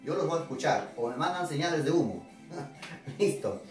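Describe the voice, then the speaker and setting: A man's voice: on the high side, animated, moderate pace. A male teacher giving a chatty literature lesson to his students. He keeps asking rhetorical questions and teasing the class as he talks. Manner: chatty, constantly asks rhetorical questions with tag '¿no?'; addresses students directly, playful and teasing. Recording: very echoey room, distant mic, faint music.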